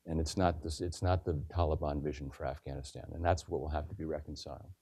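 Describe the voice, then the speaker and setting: A man speaking as a panelist in a deliberate, even-toned way. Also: very deep voice, husky. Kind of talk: panel discussion answer.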